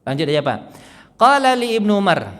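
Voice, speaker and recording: A man teaching a mosque study session, lively, joking and quizzing the audience. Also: high-pitched, a little fast. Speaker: Islamic teacher. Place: mosque hall. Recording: long hall reverb.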